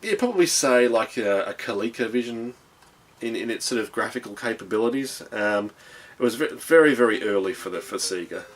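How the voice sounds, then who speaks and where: A man's voice: mid-range voice, animated, a little fast. An Australian man reviewing old video games in a casual, rambling way, full of ums and restarts, and enthusiastic. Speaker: retro game reviewer.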